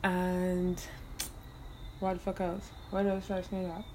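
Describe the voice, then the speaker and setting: A woman's voice: fairly low pitch, monotone, a little slow, darkish tone, slight background noise. A young woman from Barbados with a Bajan accent, hosting her solo podcast in loose, profane, laughing casual chat. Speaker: podcast host.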